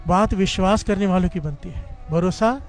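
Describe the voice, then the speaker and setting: A man's voice: high voice, normal speed, soft background music. A man giving a fervent Sikh sermon. He tells a story and keeps calling on the congregation to respond. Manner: fervent storytelling, often leading the congregation in "dhan guru nanak". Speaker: Sikh preacher giving katha. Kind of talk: devotional sermon with call-and-response.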